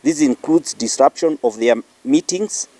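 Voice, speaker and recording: A man's voice: a little high, a little slow, mellow, dry recording. A man with a Kenyan accent reads a formal political press statement in a firm manner.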